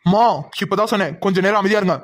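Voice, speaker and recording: A man's voice: high voice, steady tone, very fast, noisy background, natural voice. A man voicing an angry young son in a family cartoon, insistent and confrontational as he demands answers. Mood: impatient. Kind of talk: Tamil cartoon voice acting.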